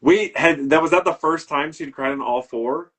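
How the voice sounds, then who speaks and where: A man's voice: on the high side, moderate pace, fairly bright tone, breathy edge. A man hosting a casual live chat, talking like an eager, playful fan. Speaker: host.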